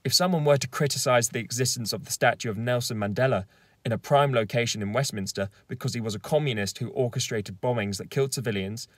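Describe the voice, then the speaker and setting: A man's voice: mid-range voice, no echo. A young man in his twenties delivering scripted political commentary from inside a car, speaking in a firm, argumentative, lecturing way. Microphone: camera facing him at close range.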